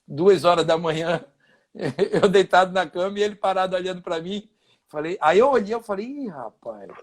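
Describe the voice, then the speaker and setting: A man's voice: high-pitched, fairly quick. A Brazilian man in his fifties, a former footballer, telling anecdotes in a casual interview with quoted dialogue.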